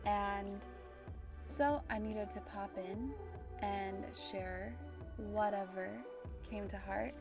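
A woman's voice: medium pitch, steady tone, takes it slowly, creaky, music in the background. A woman with a standard American accent, talking casually and reflectively as the host of a spiritual podcast.

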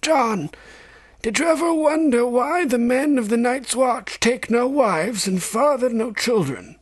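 Ancient, wise fantasy maester: high, thin, breathy old voice, solemn, slow, sorrowful. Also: male voice, expressive, no room sound, exaggerated voice. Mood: solemn, probing. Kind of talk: audiobook-style character reading from a fantasy novel.

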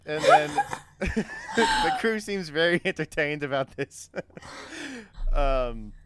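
A man narrating as game master in an informal, halting, amused improvised style. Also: on the high side, wildly swooping pitch, fairly bright tone, a little hiss or hum.

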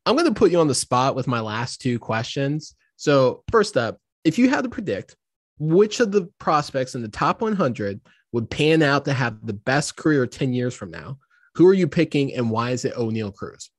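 A man's voice: mid-range voice, sing-song, normal speed, no echo, clean studio sound. Joking male podcast host. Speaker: interview host. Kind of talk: casual podcast interview.

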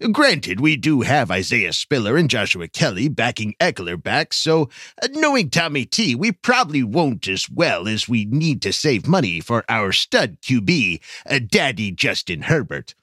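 A man leaves a playful voice message for a sports podcast. His voice sits a little high and swings all over the place. It sounds bright and forceful and is recorded close and dry. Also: dry recording. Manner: animated, playful sports fan. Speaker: listener sending a voice message. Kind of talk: read-out fan voice message.

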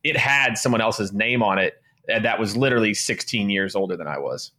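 A man's voice: fairly low pitch, a little fast, sharp tone. A man in his late thirties, a guest and sales leader, talking casually and upbeat in an interview with many restarts. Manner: casual and upbeat, heavy use of "you know" and restarts.

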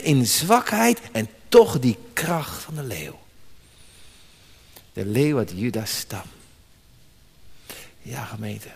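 A man's voice: mid-range voice, vocal fry, in a large hall. A man preaching a sermon as pastor, emphatic and repeating key words for weight.

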